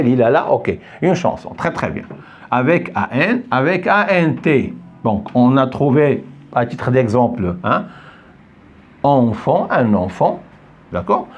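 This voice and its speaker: Slow, lively-pitched male French teacher. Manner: patient, repeats words many times, praises with "très bien". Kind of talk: slow, repetitive phonics lesson.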